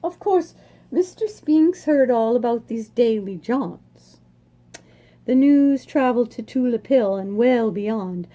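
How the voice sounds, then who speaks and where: This woman's voice sits a little high and sounds mellow as she reads a children's storybook aloud. Her delivery is expressive, relishing the words with dramatic stresses and well-placed pauses.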